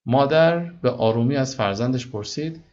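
Male teacher, mid pitch, careful English reading with fast translations, dull lo-fi recording. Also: lively intonation, a little mellow. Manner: reads English slowly, translates briskly. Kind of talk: bilingual reading lesson.

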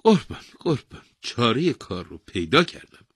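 A man voicing a poor, frightened old woodcutter who pleads humbly in a husky voice. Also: low voice, very animated, a bit bright, dry recording, clean studio sound, full character voice. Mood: eager.

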